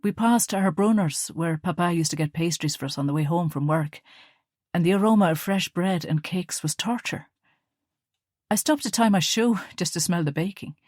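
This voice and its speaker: A woman's voice: on the low side, normal speed, no room sound, studio quality, close to an everyday voice. A woman voicing a cheerful young brother. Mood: somber. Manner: playful, teasing, loud and lively. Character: young man, cheerful joking kid brother. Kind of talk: audiobook character reading.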